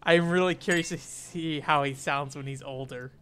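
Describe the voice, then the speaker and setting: A man streaming a game, talking casually with relaxed asides to his viewers. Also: a little high, moderate pace, soft background music. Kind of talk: casual gameplay commentary.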